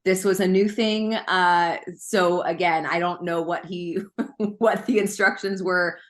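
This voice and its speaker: A woman guest on a tennis podcast, giving thoughtful, measured opinions over a video call. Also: fairly low pitch, steady tone. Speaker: guest commentator. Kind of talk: casual interview chat.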